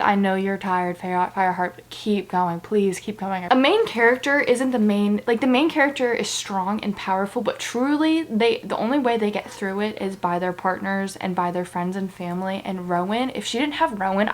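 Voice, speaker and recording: A young woman talking excitedly about a novel she loves, full of fillers and sudden swells of feeling. Her voice sits at a middling pitch for a woman, and she speaks in a casual vlog-chat style. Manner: gushing and emotional, heavy use of "like". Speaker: book vlogger.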